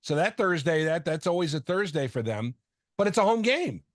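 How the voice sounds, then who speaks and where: A man's voice: fairly high pitch, sing-song, normal speed, no room sound, studio quality. A man co-hosting a fantasy football show in casual sports talk, rambling and often stumbling over and repeating words.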